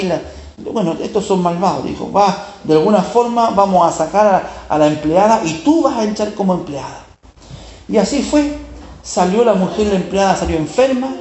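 A man's voice: high-pitched, warm tone. A man preaching a storytelling sermon, often turning to the listener to check they follow. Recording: echoey room.

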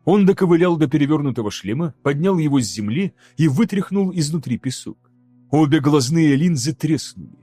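A man narrating an audiobook in a measured, dramatic reading style. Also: on the high side, lively intonation, dark tone, no echo, faint music behind. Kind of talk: scripted narration.

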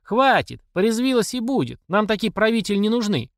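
A man's voice: high voice, very animated, brisk, no room sound, clean studio sound, pitched above the performer's own voice. Man voicing a bossy, folksy older village woman. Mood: scolding. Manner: scolding, folksy, rallying.

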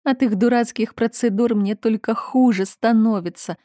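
A woman's voice: fairly high pitch, warm tone, dry recording, studio quality, pitched above the performer's own voice, lightly acted. A woman voicing a hysterical, melancholy young noblewoman who sobs and lashes out. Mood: distraught. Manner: sobbing, drawn-out, raised outbursts.

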